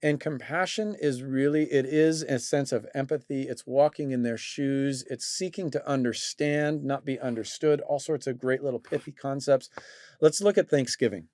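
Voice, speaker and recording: A man's voice: medium pitch, moderate pace, darkish tone, dry recording. A man hosting a talk show, teaching and coaching in a reflective way with many fillers and restarts. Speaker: host and coach.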